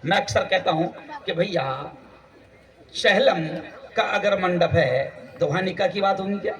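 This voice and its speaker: A man preaching a rousing sermon at a religious gathering. He swings between shouts and joking asides. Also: high voice. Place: outdoor religious gathering with crowd. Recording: distant mic with crowd noise.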